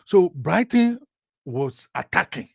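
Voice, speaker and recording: Male football vlogger, gravelly and unhurried, self-answering rhetorical questions, dry close sound. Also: high-pitched, sing-song, no echo. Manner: asks rhetorical "what?" questions and answers them himself; repeats words and phrases, with many fillers. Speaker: football vlogger reading viewer comments. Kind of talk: casual live commentary.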